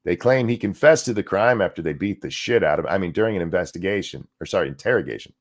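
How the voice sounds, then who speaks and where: Speaking quickly in a low, expressive voice, this man co-hosts an informal political commentary show. He alternates between dryly reading the news and firing off sarcastic jabs laced with profanity.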